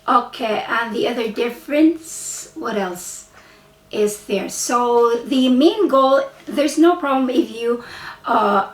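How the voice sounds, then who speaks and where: A woman with a Filipino accent talks casually to her viewers in a slow, meandering way, often stopping to correct herself. Her voice sits a little high. She sounds distant from the mic in a reverberant room. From Philippines. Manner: chatty, rambling, frequent self-corrections. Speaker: vlogger and English teacher. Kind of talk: casual chat to camera. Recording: roomy, voice from a distance.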